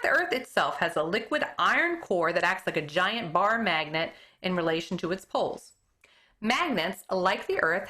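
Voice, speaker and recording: With a clear, ringing, bright voice, an elementary teacher performs a chapter book for her students, pitch swooping up and down through the story. Sometimes she trips over a word and self-corrects while continuing.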